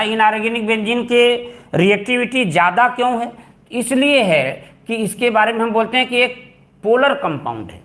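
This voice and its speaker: A man's voice: high voice, fairly bright tone. A male chemistry teacher lecturing students, repeating key terms and stressing what is important, calling them "beta" and mixing English words into his speech. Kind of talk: classroom lecture.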